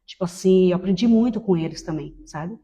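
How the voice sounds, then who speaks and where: Woman in her fifties, mellow and roomy. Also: on the low side, a little fast. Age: 50s. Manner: conversational, tag questions after most phrases. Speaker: testimony speaker. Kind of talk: personal testimony.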